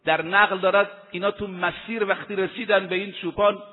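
A man delivers a sermon in a high voice, pressing his points and drawing out Arabic quotations in a slow chant. The recording is thin and phone-like, with a long reverb trailing behind him as in a large hall. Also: fairly even intonation. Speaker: preacher. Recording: tinny lo-fi recording in an echoey hall.

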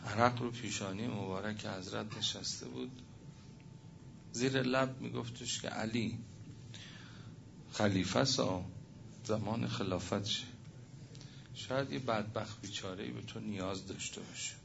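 A man preaching a religious sermon, telling a story with passion, his voice swinging between loud and hushed. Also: on the low side, creaky, pauses often. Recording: muffled recording with faint noise.

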